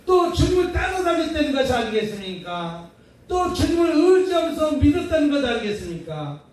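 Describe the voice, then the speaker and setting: A man's voice: very high voice, very animated, brisk. A male pastor preaching a revival sermon in a prayer house hall, speaking in a folksy way with rhetorical questions and call-and-response lines that draw answers from the congregation. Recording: very echoey hall, distant mic, faint noise.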